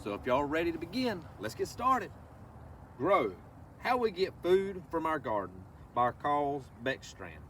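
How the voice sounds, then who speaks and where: A man with a fairly high, slightly bright voice reads a picture book to children a little slowly, his pitch swinging widely. As a read-along presenter, he talks to the kids directly in a folksy, instructive manner with asides and questions. A distant microphone picks up faint background noise.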